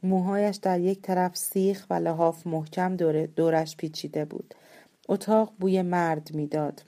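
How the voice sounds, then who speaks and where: A woman reading a novel aloud as an audiobook narrator, calm and measured. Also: lowish voice. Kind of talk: scripted story narration.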